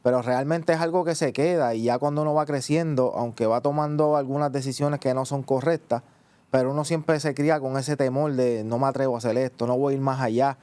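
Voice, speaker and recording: Puerto Rican man, mellow halting speech. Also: medium pitch, fairly even intonation, clean tone, dry recording. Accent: Puerto Rican Spanish. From Puerto Rico. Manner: halting, many "eh" and "pues" restarts. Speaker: guest giving testimony. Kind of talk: personal testimony in conversation.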